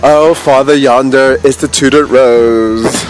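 A man's voice: mid-range voice, steady tone, takes it slowly. A middle-aged man speaking in flamboyant, mock-archaic Renaissance fair speech as he hosts a handheld vlog outdoors. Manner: theatrical, flamboyant, mock-archaic courtly wording. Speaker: tarot reader at a Renaissance fair, vlog host. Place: outdoors at a fairground lane with stalls. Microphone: handheld phone at arm's length.

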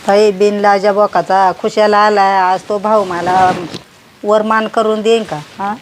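A woman's voice: medium pitch, level tone, measured pace, slight background noise, close to an everyday voice. A woman playing an indignant village woman ranting about an unwanted son-in-law. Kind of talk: comedy sketch acting.

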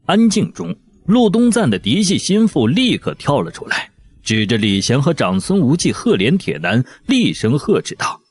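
A man narrating a novel as an audiobook with expressive storytelling. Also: mid-range voice, moderate pace, breathy edge, no room sound.

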